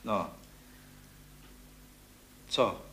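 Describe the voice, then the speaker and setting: An actor playing a calm, practical workman taking a phone complaint. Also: echoey room, slight background noise, lightly acted. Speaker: workman, partner.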